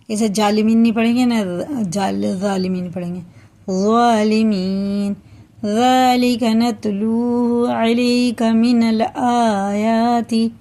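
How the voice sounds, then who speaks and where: A woman teaching the rules of Quran recitation, explaining patiently and then reciting verses slowly and drawn out, often checking that listeners follow. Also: medium pitch, warm tone. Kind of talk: tajweed lesson with slow recitation.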